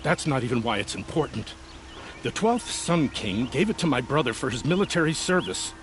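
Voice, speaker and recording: A man's voice: mid-range voice, big pitch swings, moderate pace, background noise, close to an everyday voice. An actor playing an aggrieved nobleman in a video game, speaking in an earnest, proud and formal manner. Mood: earnest, sorrowful. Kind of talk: video game dialogue acting.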